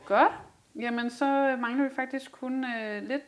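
A woman hosting a podcast interview, asking casual questions with quick asides. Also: a little high, fairly even intonation. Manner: chatty, quick asides, frequent "mm" backchannel. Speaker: podcast host.

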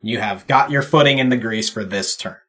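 A man's voice: lowish voice, moderate pace, sharp tone. A man running a tabletop game as game master, narrating descriptively and with animation.

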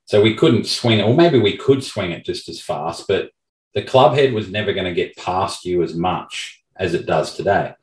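A man's voice: sits low, normal speed, reverberant, distant mic, low-quality recording. A man with an Australian accent, a golf coach hosting a podcast, explaining things in a confident manner. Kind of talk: casual interview chat.

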